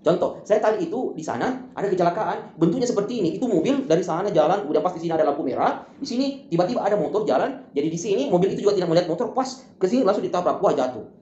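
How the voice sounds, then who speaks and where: Fast-talking tutor, roomy dull recording. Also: mid-range voice, animated, warm tone, slight background noise. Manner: explains step by step with many examples; often repeats closing phrases. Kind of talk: explaining a school lesson.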